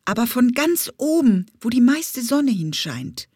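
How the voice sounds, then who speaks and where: A bossy little bumblebee girl buzzes along in a high, hurried voice, scolding and urging everyone on, as a woman puts her on for a children's audiobook. Her lines are loud and pushy, and the recording is dry and close. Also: sing-song, husky, no room sound, exaggerated voice. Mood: urgent scolding. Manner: urgent, scolding.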